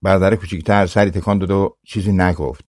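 A man narrating a fairy tale audiobook in a measured, expressive storytelling manner. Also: sits low, no room sound, studio quality.

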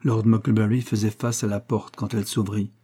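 A man narrating an audiobook in measured storytelling. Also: fairly low pitch, little pitch movement, dark tone.

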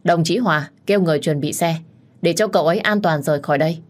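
A firm police officer who rattles off terms to a hostage-taker in a quick, official tone, as a woman storyteller puts him on. The delivery is fast and a little louder than her narration. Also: deep voice. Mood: negotiating.

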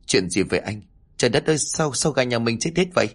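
A man voicing a frightened young wife in a spoken ghost story, speaking in a raised, hurried voice. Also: medium pitch, lively intonation, breathy edge. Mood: startled.

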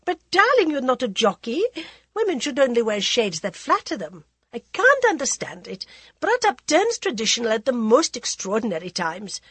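A woman reading aloud voices a theatrical high-society lady who gushes and calls everyone darling. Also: very animated, moderate pace, fairly bright tone, slightly rough, no echo, exaggerated voice. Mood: gushing gossip.

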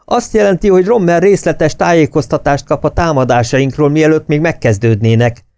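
A man voicing an enraged, near-hysterical British officer who shouts his rebukes. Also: mid-range voice, lively intonation, no room sound, lightly acted. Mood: raging.

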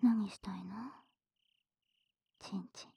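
A woman playing a lazy, indulgent older sister in a whispered role-play, speaking drowsy, intimate pillow talk in a breathy, languid, casual way. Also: medium pitch, fairly even intonation, takes it slowly, mellow, no echo, exaggerated voice. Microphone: close microphone, dry sound.

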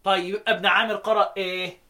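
This man's voice is high-pitched and sharp, with little pitch movement. He has an Egyptian Arabic accent and teaches recitation readings, chanting slowly and answering his own questions.

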